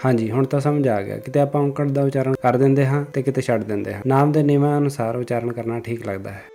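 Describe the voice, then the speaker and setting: Guy as the student, mellow dark voice, reads verses slow and careful. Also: medium pitch. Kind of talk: lesson dialogue, reciting verses.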